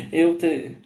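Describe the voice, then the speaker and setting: Hoarse, slow-talking man with a cold. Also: sits high, a little mellow. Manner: slow, friendly, greets viewers by name. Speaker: host of a spiritist live stream. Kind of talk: casual greetings to live chat viewers. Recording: echoey room.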